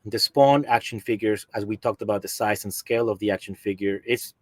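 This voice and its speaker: A fairly quick, darkish, low-leaning voice comes from a middle-aged man from Peru with a Peruvian accent, recorded dry. Appearing on a podcast via video call from his home basement, he chats casually about collecting.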